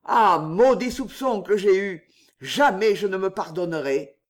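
A man's voice: high-pitched, animated, a little slow. Man doing a nervous, agitated marquis governor. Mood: fearful. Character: suspicious, then fearful male fortress governor.

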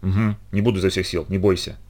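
A man reading a story aloud, voicing an excitable, gullible little boy. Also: low-pitched, fast, voice pushed down. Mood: sulky.

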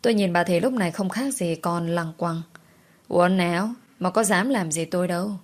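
A woman narrating a story in a brisk, matter-of-fact way. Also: on the low side.

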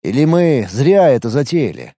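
A man's voice: mid-range voice, sing-song, moderate pace, mellow, dry recording, clean studio sound. A man voicing a grumbling, wry man. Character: wry grumbling male violinist.

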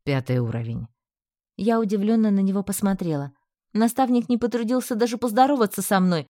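A woman narrating a first-person novel in an even, measured reading. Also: medium pitch, no echo, clean studio sound. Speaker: audiobook narrator.

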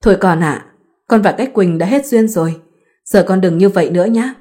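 A woman's voice: mid-range voice, fairly quick, dark tone, close to an everyday voice. A woman voicing a fussing, scolding village mother. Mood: gentle.

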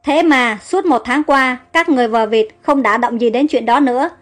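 A woman's voice: high voice, normal speed, faint music behind, close to an everyday voice. A woman voicing a male general leading a kidnapping raid, giving clipped orders. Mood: grim. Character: foreign male general, urgent and determined.

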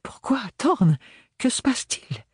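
A man's voice: very high-pitched, big pitch swings, unhurried, slightly rough, dry recording, clean studio sound, pitched above the performer's own voice, exaggerated voice. A man reading an audiobook, voicing a reserved young woman with cool, clipped replies. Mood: alarmed.

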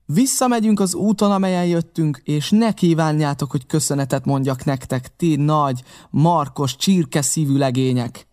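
A man reading an audiobook and voicing a bold, defiant middle-aged mother with a raised pitch and forceful delivery. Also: hardly any pauses, close to an everyday voice. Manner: fierce and scornful, then urgently hushed. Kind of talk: audiobook character voice.

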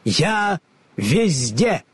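A storybook wizard, as a male narrator puts him on, speaking in a raised, shaky voice that swings between pomp and panic. The tone is breathy and close, with no room around it. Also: sing-song, extremely slow, no room sound, heavily acted. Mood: solemn. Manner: solemn booming, then fussy and pleading. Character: grand mysterious male wizard, later a frightened little old man.

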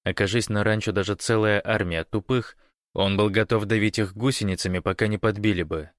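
A man's voice: lowish voice, fairly even intonation, fairly quick, no echo, clean studio sound. A man narrating an audiobook.

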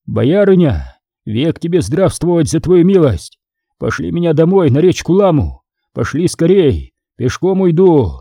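A man's voice: a little high, very animated, measured pace, warm tone, husky, no echo, clean studio sound, pitched above the performer's own voice, exaggerated voice. A man voicing an exhausted, wounded goldsmith who pleads and moans. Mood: weary. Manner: moaning, pleading.

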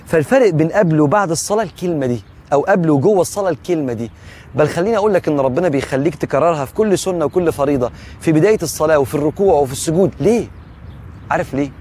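A man's voice: fairly high pitch, darkish tone, a little hiss or hum. A man with an Egyptian accent giving a reflective religious talk, earnest and asking the listener questions directly. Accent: Egyptian Arabic. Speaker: Islamic preacher.

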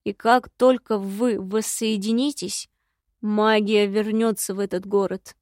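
A woman voicing a secretive, grumbling male imp in an audiobook, speaking slowly and gruffly. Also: medium pitch, flat delivery, a little mellow, no room sound, studio quality, lightly acted. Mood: glum.

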